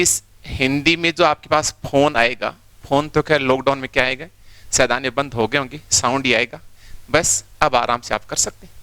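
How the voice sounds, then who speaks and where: A male teacher giving an online exam-prep lesson, repeating key points and slowly breaking words into their separate sounds. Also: a little high, bright, forceful tone, clear, resonant tone, no room sound. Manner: slowly spells out sounds one by one.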